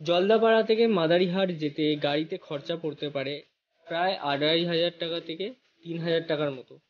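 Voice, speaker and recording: A man's voice: a little high, moderate pace, lo-fi sound, slight background noise. A man narrating a scripted travel guide for his channel, greeting viewers as friends and walking through routes and costs.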